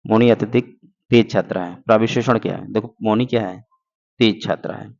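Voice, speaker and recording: A man's voice: fairly low pitch, fairly even intonation, brisk, gravelly, darkish tone. A man teaching an exam-prep grammar lesson, explaining step by step and answering his own questions. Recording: dull lo-fi recording.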